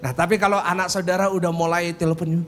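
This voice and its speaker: With guitar music playing beneath him, a male pastor gives a funny church sermon, animatedly telling jokey stories and acting out quotes during the service. His voice is high-pitched and his pace quick.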